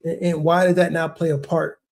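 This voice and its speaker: A man's voice: on the high side, flat delivery, a little fast, gravelly. A man, a realtor hosting his own video, explaining a process in a loose, conversational way, often repeating words and saying "man" and "bro.". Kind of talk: casual explainer talk. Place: lives near a large Texas city.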